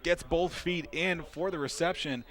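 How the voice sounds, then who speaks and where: A man's voice: on the high side, normal speed, a bit bright. A man working as a color commentator, analyzing football plays and replays. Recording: crowd noise at outdoor stadium.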